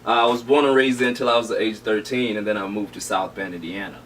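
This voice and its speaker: A man's voice: on the low side, fairly even intonation, fast, a bit bright, distant mic, slight background noise, low-quality recording. A man from Malawi, an actor, talking about himself in a casual interview in an outgoing, easygoing way. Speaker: guest actor.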